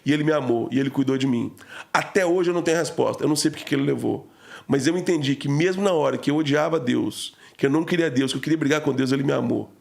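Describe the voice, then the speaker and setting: Podcast guest: a rapid-fire male storyteller with a gravelly voice, slangy and emotional. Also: medium pitch. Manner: slangy, emotional, packed with fillers. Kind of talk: casual storytelling.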